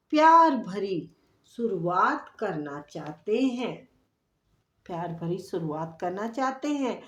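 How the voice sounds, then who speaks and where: A woman giving a tarot reading to her viewers, explaining the cards in a chatty, repetitive way and speaking to the listener directly. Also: fairly high pitch. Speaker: tarot reader. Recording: echoey room.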